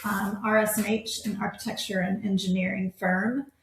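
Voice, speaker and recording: A woman's voice: mid-range voice, little pitch movement, moderate pace, vocal fry. A woman guest on a podcast, speaking in friendly, plain casual chat with some hesitant fillers. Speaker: guest, federal contract specialist. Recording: roomy echo.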